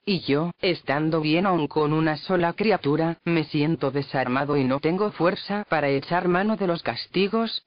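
A man's voice: fairly high pitch, dry recording, lightly acted. A man reading a solemn, grave Christ. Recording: dull lo-fi dry recording.

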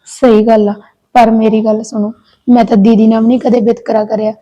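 A woman acts as the elder sister-in-law, a childless elder daughter-in-law in a village short-film family drama, voicing her worries in long, pleading, complaining stretches that sound earnest, caring and anxious. Her voice is on the high side, mellow and flat, and fairly quick. The acting is light and heartfelt, and the recording is muffled.

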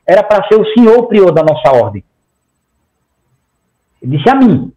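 This man, about forty, is an interview guest on a video call from home, using a headset. His high voice is sing-song and mellow at normal speed, though the audio is dull. He talks emphatically in long runs, gestures a great deal, and repeats "tá?" throughout.

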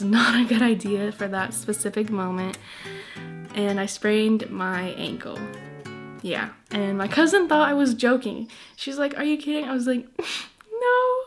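A young woman chatting casually into her camera for a vlog, laughing now and then as she tells stories. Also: fairly high pitch. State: sprained ankle. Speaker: vlogger. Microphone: action camera.

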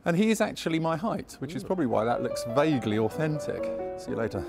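Male London tour guide, slightly high and very animated, rambling and self-deprecating, outdoor street ambience. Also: fast, creaky, music in the background. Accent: London English. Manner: chatty, rambling, self-mocking asides. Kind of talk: casual walking-tour chat. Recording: faint street noise outdoors.

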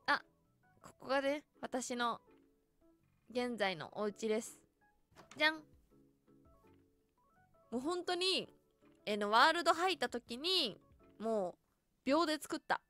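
A woman's voice: a little high, sharp tone. A voice actress giving chatty, casual commentary as she tours a game world and keeps exclaiming in delight.

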